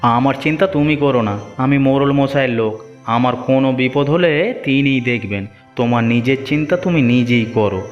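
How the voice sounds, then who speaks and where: In a cartoon moral tale, a man with a mid-range, natural voice plays a sneering henchman to a village headman, speaking at a moderate pace. He mocks and scolds with a threatening edge while fawning over his boss. The audio is muffled and echoes as if in a large hall, with music underneath.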